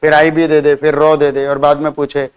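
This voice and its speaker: A man's voice: on the high side, completely flat delivery, fairly quick, clean tone. A man teaching a vocabulary lesson in a classroom, spelling words out letter by letter, quizzing and teasing his students. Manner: teasing, scolding banter with students. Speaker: English teacher.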